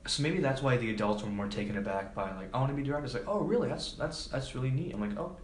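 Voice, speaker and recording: Talking fast and animatedly in a mid-range voice, this man is a film production assistant being interviewed on a podcast. He's informal and hesitant, leaning on lots of fillers, and the recording has echo and background noise.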